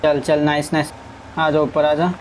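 A man's voice: fairly high pitch, monotone, measured pace, a little hiss or hum, poor audio. Chatty man commentating gameplay. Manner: chatty, talks to the truck and viewers as he plays. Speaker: gaming streamer. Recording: faint game sounds in background.

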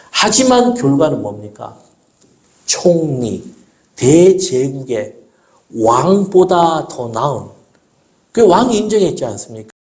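A middle-aged male pastor delivers a sermon with a lively, swooping pitch that leaps up for questions and drops low for emphasis. His voice has a gravelly, fry-tinged edge, and he acts out little dialogues as he preaches. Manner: animated preaching with rhetorical questions, acting out dialogues with his daughter.

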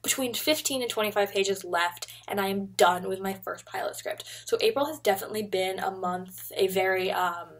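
Sitting at a desk in her bedroom, a twenty-something vlogger talks casually into her webcam, wandering from point to point and gesturing freely. She speaks in a mid-range voice at normal speed, barely pausing.

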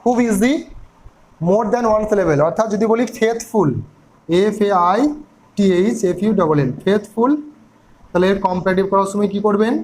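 A man's voice: sits high, moderate pace, a little mellow, slight background noise, rough recording. A man teaching an English grammar lesson, spelling words out letter by letter and asking his listeners questions.

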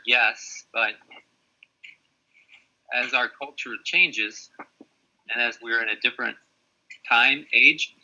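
A man's voice: mid-range voice, pushed and bright, rough recording. A man in a casual video-call book discussion, questioning and thinking aloud. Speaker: book club member.

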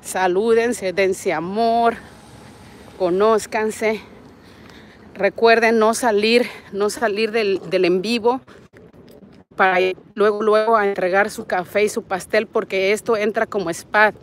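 This time her voice sits in the mid range, steady and unhurried, with a faint hiss or hum underneath. She is a vlogger in her forties from Nayarit, speaking Mexican Spanish as she chats lovingly with livestream viewers and reads out their comments. The setting is outdoors in a parking lot and along a street, captured on a phone at arm's length through a wired earbud mic.

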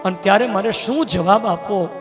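A man voicing a gentle, motherly queen who has been wronged, speaking with tender, tearful questions. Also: high-pitched, brisk, over music.

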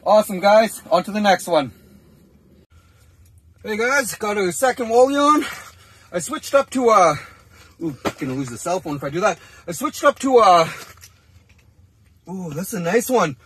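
A man's voice: sits high, big pitch swings, measured pace, pauses often, a bit bright, a little hiss or hum, poor audio. A man in his forties, a fishing vlogger, rambling chattily to a phone camera held at arm's length inside an ice fishing tent. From Canada. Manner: rambling, chatty, with frequent fillers and laughs. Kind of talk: casual vlog talk to camera.

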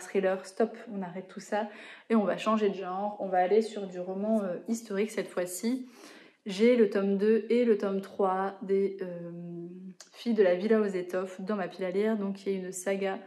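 A book vlogger in her thirties chats casually to camera about books, wandering off on tangents and correcting herself as she goes. Her mid-range voice has a dark tone, and she's recording indoors in a living room.

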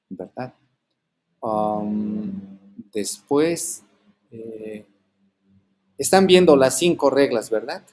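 A man's voice: on the low side, a little mellow. A man teaching a class over a video call, explaining step by step and checking in with his students through constant tag questions. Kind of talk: online class lecture.

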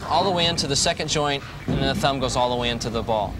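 This man in his thirties is a professional bowler teaching grips and shoes in an instructional video, going back over the main points. His mid-range voice is quick, picked up indoors by a lapel mic with plenty of background noise from the bowling alley.

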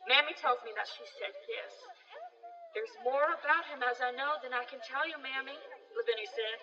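In a radio play, a woman's high, forceful voice brings to life a gossipy rural New England villager, an anxious farm neighbor spinning grave, hushed, ominous country tales at normal speed. Music plays behind her in a dull, muffled hall whose long reverb rings out.

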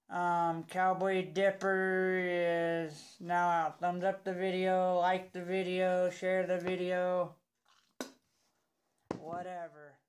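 A young man talks slowly through a lip full of dip. He rambles casually like a home video reviewer, halting between thoughts and sounding unimpressed. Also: sits high, a little hiss or hum. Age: young adult. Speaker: product reviewer. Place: indoors in a home room.

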